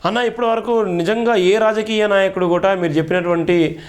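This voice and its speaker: A man's voice: high-pitched, fairly even intonation, brisk. A man hosting a political interview, asking long, deferential questions. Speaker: live show interviewer.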